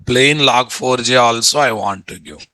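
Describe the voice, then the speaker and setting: A man's voice: medium pitch, moderate pace, sharp tone, no echo. A middle-aged man with a Telugu Indian accent teaches an informal online class bluntly, repeating phrases and asking rhetorical questions. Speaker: software instructor. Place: indoor room, online video call.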